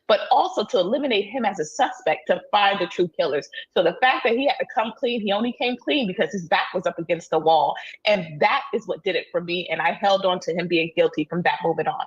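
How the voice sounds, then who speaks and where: A husky-voiced woman offers legal analysis over slightly muffled, lo-fi audio. She states her view firmly and decisively. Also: mid-range voice, expressive, a little fast. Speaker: criminal defense attorney, legal panelist. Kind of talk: legal commentary.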